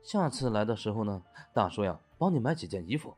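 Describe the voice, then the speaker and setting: A man voicing a kind young man who gently looks after a little girl, speaking softly and indulgently, with faint music underneath. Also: lowish voice, big pitch swings, unhurried. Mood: gentle coaxing. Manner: soft, coaxing, indulgent.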